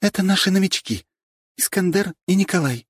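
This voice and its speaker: A man's voice: high-pitched, animated, brisk, breathy edge, no echo, studio quality, pitched above the performer's own voice. A man voicing a stern, scolding young woman who heads the student council. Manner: strict, scolding.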